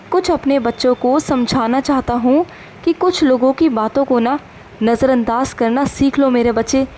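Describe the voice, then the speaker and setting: A woman voicing a gentle, fatherly male saint who counsels his devotees in a tender, instructive devotional message, calling them "my child" again and again. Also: high-pitched, a little hiss or hum, lightly acted. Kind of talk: devotional first-person message.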